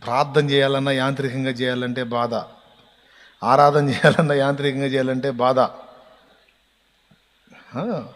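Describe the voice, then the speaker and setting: Male pastor, fervent repetitive sermon, mid-pitched voice, long hall echo. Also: level tone, normal speed, pauses often. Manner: emphatic repetition, rising to fervent cries of praise.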